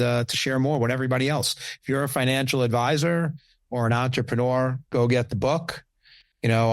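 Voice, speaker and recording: A man's voice: medium pitch, dry recording. A man hosting a podcast, giving eager, affirming replies and earnest thanks to his guest. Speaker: podcast host. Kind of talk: podcast interview.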